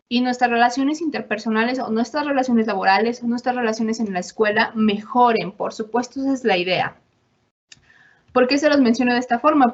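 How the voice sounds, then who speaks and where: A woman with a Mexican accent giving a relaxed lecture, talking conversationally and acting out little quoted exchanges. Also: on the high side. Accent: Mexican Spanish. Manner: conversational, acts out quoted voices, frequent tag questions. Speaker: university lecturer. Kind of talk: informal lecture. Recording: dull lo-fi audio.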